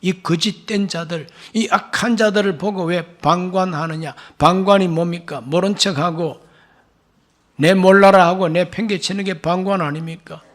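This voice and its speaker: Korean pastor guy preaching sunday sermon, high voice, lots of fired-up rhetorical questions. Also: steady tone, normal speed. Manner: emphatic preaching, rhetorical questions, reads scripture aloud. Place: church sanctuary.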